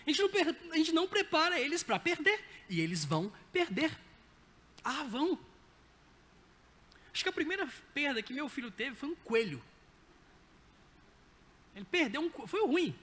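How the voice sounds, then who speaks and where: Brazilian pastor preaching in a reverberant hall. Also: male voice, very high voice, moderate pace, long pauses. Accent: Brazilian Portuguese. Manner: lively anecdotal storytelling with humor. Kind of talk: sermon. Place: church sanctuary.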